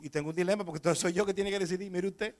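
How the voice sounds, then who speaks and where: A Dominican pastor preaches with a high, bright voice and tells stories with plenty of life. He keeps checking in with his congregation as he talks. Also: racing. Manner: lively, anecdotal, chatty with the congregation. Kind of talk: storytelling sermon.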